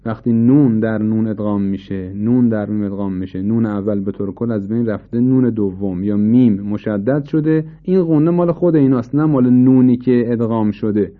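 A man giving a formal, patient lesson on Quran recitation rules, slowing down to demonstrate pronunciation. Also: medium pitch. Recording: tinny phone-like sound.

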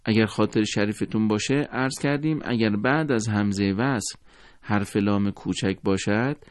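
Formal, low-voiced male recitation teacher. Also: no echo, studio quality. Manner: formal and courteous, measured. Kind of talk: recorded lesson.

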